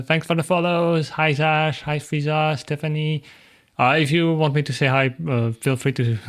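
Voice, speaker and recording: A man's voice: on the high side, a bit bright, clean tone. A man chatting casually on a livestream as a music producer, with a playful, silly, cute streamer manner. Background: music playing.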